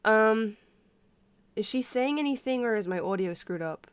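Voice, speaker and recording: A woman sick with a stuffy nose chats casually to her livestream, speaking haltingly and pausing to breathe through her mouth. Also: a little high, expressive, smooth, no room sound. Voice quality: congested, stuffy-nosed. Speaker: livestreamer talking to viewers. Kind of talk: casual unscripted chat.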